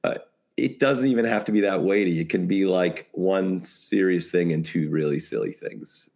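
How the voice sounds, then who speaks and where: A podcast guest who works as a creative compliance consultant talks casually in a low, creaky, darkish voice at normal speed. He brainstorms ideas in a rambling way, dropping jokey asides.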